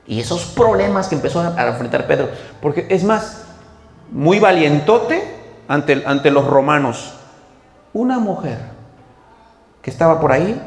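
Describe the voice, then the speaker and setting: A man preaching a sermon as pastor, telling the story with lively acted-out voices. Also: fairly high pitch, gravelly. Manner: animated storytelling, acts out quoted speech. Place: church hall. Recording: echoey church hall.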